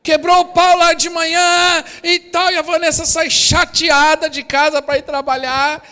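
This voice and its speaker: A Brazilian man preaching a sermon as pastor, talking straight to his congregation in a lively way. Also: very high voice, unhurried, big-room sound. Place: church hall.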